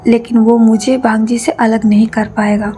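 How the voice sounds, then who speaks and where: A man's voice: high-pitched, flat delivery, moderate pace, dark tone, faint music behind, lightly acted. A woman narrator voicing a stubborn young man devoted to his lover, in a storybook reading. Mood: defiant.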